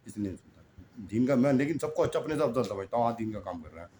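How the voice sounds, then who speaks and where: A man's voice: medium pitch, expressive, mellow, slight background noise. A middle-aged man preaching a sermon in an impassioned, scolding way, firing off rhetorical questions.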